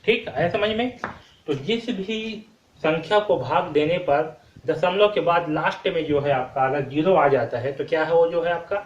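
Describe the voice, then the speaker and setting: A man's voice: fairly high pitch, moderate pace. A male maths teacher working through a problem step by step, asking himself questions and checking in with "ठीक है" all the time. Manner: repeats questions and answers them himself, frequent "ठीक है" checks. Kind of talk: step-by-step board lesson. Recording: echoey room, distant mic, muffled sound, noisy.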